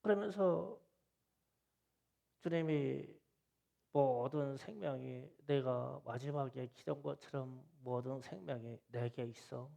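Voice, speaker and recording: A middle-aged man, a pastor, preaching a sermon in which he retells a vision with emotional storytelling that swells into loud, tearful passages. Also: medium pitch, slow pace, creaky.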